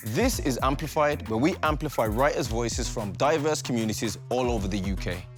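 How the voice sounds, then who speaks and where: A man hosting a theatre show and introducing the first piece in a friendly, lively way. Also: mid-range voice, brisk, over music. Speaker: host.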